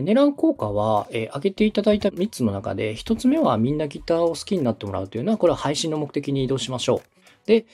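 A podcast host and radio director from Osaka, Japan, leads a structured coaching conversation, explaining things politely and methodically. His mid-range voice is a little mellow and husky.

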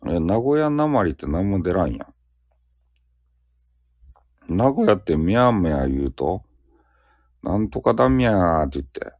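A man's voice: low voice, sing-song, normal speed, long pauses, darkish tone, no echo, studio quality. A man with a Fukuoka accent chatting casually and ramblingly on a solo live audio stream, joking at his own expense. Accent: Fukuoka dialect. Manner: rambling, joking, self-mocking.

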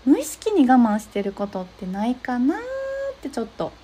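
A young woman talking through advice in a gentle, step-by-step way, often pausing on soft fillers. Her voice is fairly high, with a dark, mellow tone. There is a breathy, husky edge to it. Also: big pitch swings. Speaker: podcast host giving advice to therapists. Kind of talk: casual advice talk.

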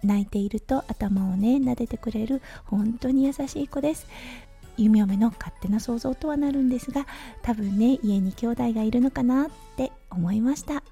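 A woman in her thirties hosting her own talk podcast, telling stories in a gentle, chatty way with soft fillers. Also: fairly high pitch, moderate pace, breathy edge, soft background music. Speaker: podcast host. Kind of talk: casual solo talk radio.

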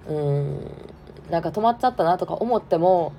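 A woman with a Kansai accent, hoarse and stuffed up, hosting a frank, chatty solo podcast with plenty of fillers. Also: on the low side, animated, fairly quick, lo-fi sound, a little hiss or hum. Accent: Kansai Japanese. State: hoarse, congested nose. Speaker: podcast host. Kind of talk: casual solo podcast talk.

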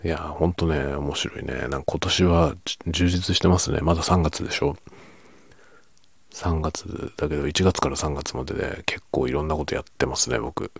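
A man speaks in a quiet, nighttime murmur, chatting casually and keeping his volume down. His voice is extremely deep, with a husky, creaky grain. It is recorded close and dry, and now and then it slips toward a whisper. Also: a little fast, no room sound. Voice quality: low, gravelly, husky. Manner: quiet, hushed low-volume talking as if at night, drifting into whisper. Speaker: video creator and host. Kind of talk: late-night casual soft-spoken chat.

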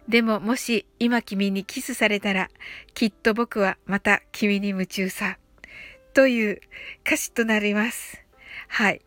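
A woman, a native Japanese speaker, gives a slow and patient pronunciation lesson on English song lyrics. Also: mid-range voice, a bit bright, no echo. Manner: slow, careful, patient explaining. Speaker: singing teacher.

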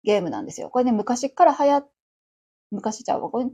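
Kansai lady around 40 rambling solo on her live radio show, lots of fillers, bit gravelly and husky. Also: a little high, very animated, fast talker, warm tone. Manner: chatty, rambling, many fillers. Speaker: livestream radio host. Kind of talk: casual solo chat.

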